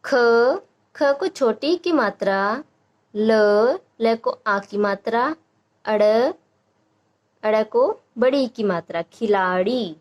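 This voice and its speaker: A young woman teacher explaining a phonics lesson to parents, sounding out letters and syllables slowly one by one. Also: on the high side, lively intonation, darkish tone. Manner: slow, drawn-out syllable-by-syllable sounding out.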